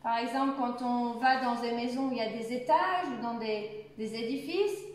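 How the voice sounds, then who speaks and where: A woman's voice: on the high side, normal speed. A woman from France teaching a beginners' language lesson, carefully spelling out and repeating words. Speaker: French teacher. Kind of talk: slow spoken language lesson. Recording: echoey room.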